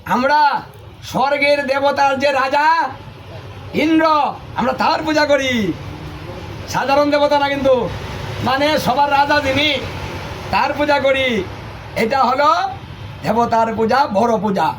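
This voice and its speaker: A man's voice: very high voice, slow, pauses often, fairly bright tone, slight background noise, heavily acted, low-quality recording. A man voicing a simple cowherd father who patiently and fondly explains things to his little son. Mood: fond explaining.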